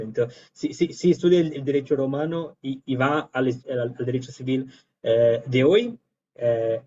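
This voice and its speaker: A Brazilian man with a Portuguese accent giving informal academic remarks in Spanish mixed with Portuguese, haltingly searching for words as a native Portuguese speaker. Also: mid-range voice, darkish tone. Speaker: guest lecturer. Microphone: video call. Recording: dull lo-fi online call.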